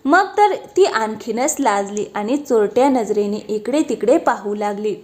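A woman narrating a romantic family story in a gentle storytelling manner. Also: mid-range voice, lively intonation, a little slow.

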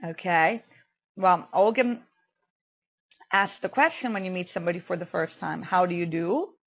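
A woman teaching an online English lesson, saying vocabulary slowly and carefully and saying "okay" often. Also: lowish voice, a bit bright. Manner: slow, careful pronunciation drills with many "okay"s.

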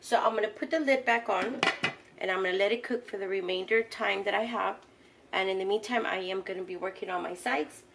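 Cooking in her kitchen, a middle-aged woman who hosts a home cooking channel walks through each recipe step with fillers like "um." Her medium-pitched voice has vocal fry, and background noise is audible.

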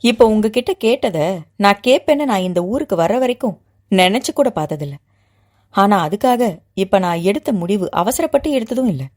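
Brief: a composed grown man, even and deliberate, read by a woman narrator, with a lively rise and fall in the voice. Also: medium pitch, lightly acted. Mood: calm. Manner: steady, unhurried and measured. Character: calm, composed grown man asking to be guardian.

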